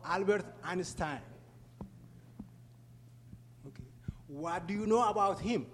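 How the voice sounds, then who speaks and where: A man over 44 with an Ethiopian accent gives a public talk to an audience as a guest speaker and refugee advocate. His slightly high voice comes out haltingly, he asks the audience questions, and the echoey hall adds clear background noise and hum.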